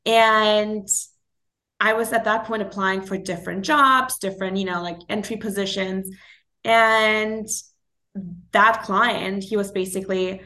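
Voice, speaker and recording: A woman in her twenties, by birth, tells her story in relaxed conversation. She laughs easily and often restarts her sentences, filling gaps with small hesitations. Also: mid-range voice, measured pace. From Germany (Berlin). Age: 20s. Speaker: guest, interior designer. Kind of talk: casual interview conversation.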